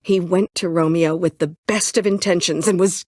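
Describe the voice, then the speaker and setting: A woman acting Xara, a husky, bitter, world-weary survivor. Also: lowish voice, fairly even intonation, normal speed, darkish tone, no echo, clean studio sound, close to an everyday voice. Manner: brooding, curt, dryly sardonic. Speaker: voice actress in a story video game. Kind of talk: dramatic video game voice acting.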